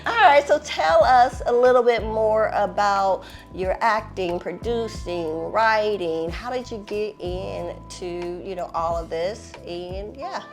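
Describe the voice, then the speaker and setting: A woman hosting an interview in casual chat, animated and playful, laughing often. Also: medium pitch, slow pace, hardly any pauses, soft background music. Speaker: host.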